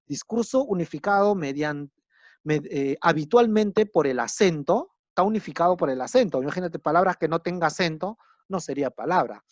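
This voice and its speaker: A man's voice: a little high, lively intonation, normal speed, dry recording. A man teaching a class, explaining patiently, repeating key terms and checking understanding with frequent tag questions. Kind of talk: recorded lecture. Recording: dull lo-fi recording.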